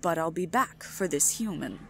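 A woman voicing a possessive, imperious queen with regal, deliberate speech in an audio roleplay drama. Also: lowish voice, animated, creaky, pushed and bright, slight background noise, heavily acted. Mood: stern, possessive.

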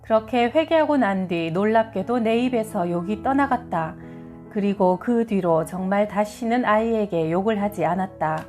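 A woman's voice: mid-range voice, animated, moderate pace, a little mellow. A woman who runs a publishing house, reading a memoir aloud in an earnest, heartfelt way. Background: faint music.

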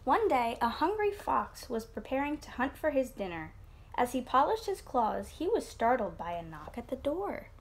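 Lively woman reading a storybook aloud. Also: sits high, normal speed, a little hiss or hum. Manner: expressive, storyteller's lilt. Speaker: teacher. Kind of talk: reading a picture book aloud to a child. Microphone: computer mic on an online class.

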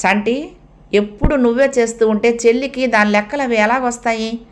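A woman's voice: fairly high pitch, fairly quick, voice pushed up, lightly acted. Woman reading a mild reproving father. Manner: mildly reproving. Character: mild middle-aged father, gently reproving.

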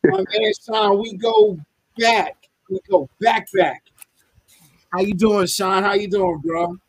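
A man's voice: high-pitched, steady tone, takes it slowly, husky. A man hosting a casual chat, playfully teasing his guest.

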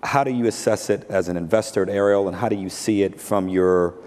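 A man interviewing a guest on a conference stage, asking long, measured questions. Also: fairly low pitch, fairly even intonation, darkish tone. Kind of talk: onstage interview. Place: large conference hall stage. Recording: long hall reverb.

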